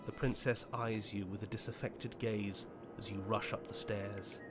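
An actor playing a wry, all-knowing male narrator in a video game, measured and sardonic. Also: on the low side, little pitch movement, natural voice. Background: game music.

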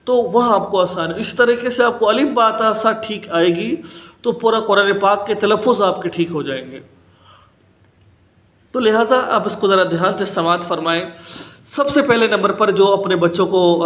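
A man in his thirties gives an alphabet lesson for Quran reading, explaining patiently and drawing out each letter slowly so it can be repeated. His voice sits high for a man. The recording rings in an echoey room and sounds slightly dull and muffled. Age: 30s. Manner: slow, drawn-out letter pronunciations for repetition. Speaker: Quran teacher.

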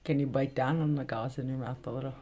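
A middle-aged woman in casual conversation, gently coaxing and reassuring as a parent, explaining things simply. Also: very deep voice, steady tone, fast. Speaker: parent looking after a patient. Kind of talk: casual chat. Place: small recovery room, indoors.

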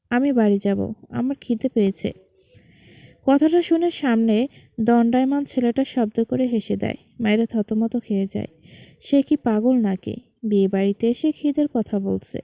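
A woman's voice: on the high side, mellow, dry recording. A woman narrating a romantic story, reading every part in her own voice with little change.

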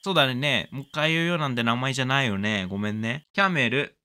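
A man doing casual let's-play commentary, excitable, exclaiming often and cooing at the pet. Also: medium pitch, fast, no room sound. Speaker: game commentator.

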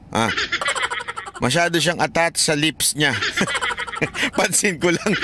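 This is a man hosting a comedic commentary show. His slightly raised voice jumps up and down as he jokes and laughs through his points. Steady background noise sits clearly under the recording. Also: on the high side. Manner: joking, laughs often, asks rhetorical questions. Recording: noisy background.

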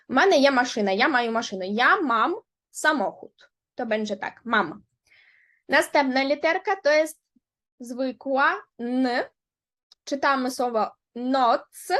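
A woman teaching the Polish alphabet to beginners, going slowly and repeating each letter and word. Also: high-pitched, fairly bright tone. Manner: slow, deliberate, repeats letters and words; switches between Ukrainian and Polish. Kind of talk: slow beginner lesson on the alphabet.

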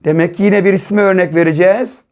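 A male primary school teacher giving a first-grade reading lesson, sounding out syllables slowly and asking the children questions. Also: high-pitched, fairly even intonation, darkish tone. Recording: dull lo-fi recording.

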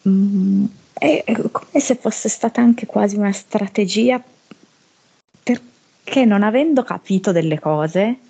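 A woman with a northern Italian accent, channeling slowly and hesitantly during a hypnosis session. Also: mid-range voice, gravelly, mellow, husky. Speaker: hypnosis medium.

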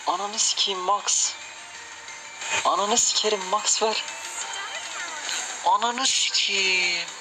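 A man's voice: high-pitched, steady tone, slow, long pauses, over music, low-quality recording. A man streaming slot games live, reacting with constant cursing and frustrated outbursts.

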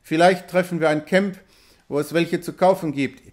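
A man's voice: on the high side, fairly even intonation, moderate pace, darkish tone, lightly acted. A man voicing a swindler posing as a trapper, talking eagerly and ingratiatingly.

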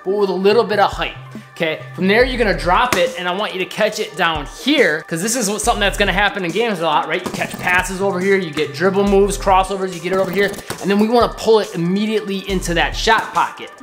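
Speaking fast in a high-pitched voice, a thirty-something man gives an instructional basketball drill demo from his living-room couch. He's upbeat and shows the moves while explaining them, in an echoey space with music faintly audible.

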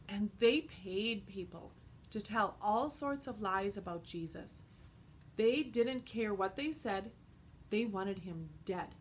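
A woman teaching a children's Bible lesson, telling the story slowly and expressively and stopping to explain simple words. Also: medium pitch, animated, a little hiss or hum.

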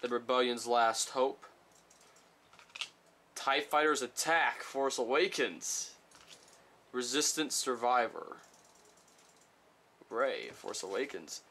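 A man's voice: mid-range voice, bright, forceful tone, a little hiss or hum. Rambling man reading out trading cards. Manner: rambling, reads card titles aloud slowly. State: slightly sick. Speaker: card unboxing vlogger. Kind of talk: casual unboxing chat. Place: small room at home.

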